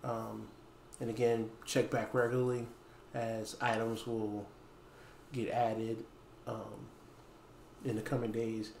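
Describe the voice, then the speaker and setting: Pausing often mid-phrase, a man in his thirties, owner of a small game store and host of its videos, talks casually to camera about an announcement. His voice is lowish and darkish with vocal fry and little pitch movement, in an echoey, dim, wooden-floored room with faint background noise.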